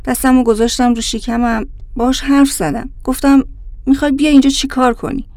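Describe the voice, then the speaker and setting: A woman voices a young pregnant woman, desperate and afraid, pouring out a pleading confession in a fairly high voice. Her lines in this audiobook drama are emotional, and the recording is dry and close. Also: steady tone, darkish tone, no echo.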